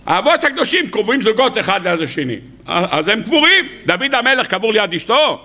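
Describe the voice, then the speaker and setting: Male rabbi preaching, high and bright, teasing rhetorical style that slips into acted dialogue. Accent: Israeli Hebrew. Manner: rhetorical questions and playful mockery; animated, acts out quoted dialogue. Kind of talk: sermon.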